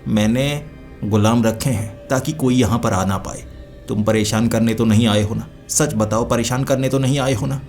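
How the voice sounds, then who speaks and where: A man narrating a horror story who voices a sly middle-aged male vampire lord with a calm, questioning, slightly mocking manner. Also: medium pitch, moderate pace, soft background music, natural voice.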